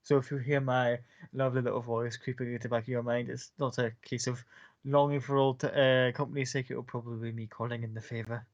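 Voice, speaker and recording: A man's voice: medium pitch, little pitch movement, quick pace, close to an everyday voice. A man voicing a sly older male fixer who trades favours, theatrical and courtly, calling people "my dear". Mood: scheming. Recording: muffled lo-fi recording.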